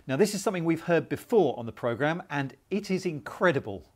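A man's voice: fairly high pitch, lively intonation, brisk. A man with a British accent introducing a report as a TV presenter.

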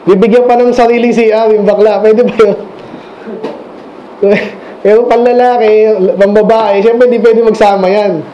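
A man's voice: sits high, steady tone, normal speed, warm tone, a little hiss or hum. A man preaching an informal Sunday evening sermon as pastor, talking conversationally and quizzing the children in his congregation. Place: small church mission hall. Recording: echoey, dull lo-fi room recording.

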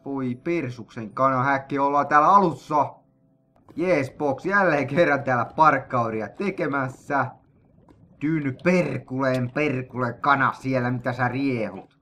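A young man, an excitable, jokey gaming host narrating a let's play, with sudden loud outbursts. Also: mid-range voice, soft background music.

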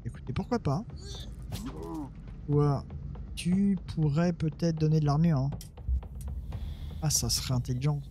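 A man's voice: fairly high pitch, unhurried, long pauses, dark tone, a little hiss or hum. Man mumbling through a strategy game. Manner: muttering, self-mocking, talks to his units. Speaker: let's play gamer. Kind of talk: casual gameplay commentary.

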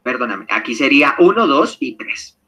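A man leading an online seminar, reading out participants' answers and quizzing them with animated questions. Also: medium pitch, normal speed. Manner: lively, animated, engages the audience with questions. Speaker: seminar leader.

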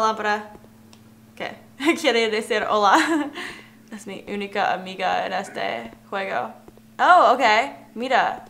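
Slow-talking young woman playing a game. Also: mid-range voice, a bit bright, a little hiss or hum. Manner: talks to objects in the game, nervous giggles. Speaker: gamer. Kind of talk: let's play commentary.

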